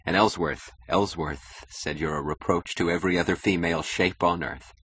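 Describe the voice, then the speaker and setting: A man with a low, fairly bright, slightly rough voice and fairly even intonation speaks at normal speed with no room sound. In an audiobook, he voices an insecure, status-hungry young husband who talks eagerly, boastfully, and with nervous defensiveness.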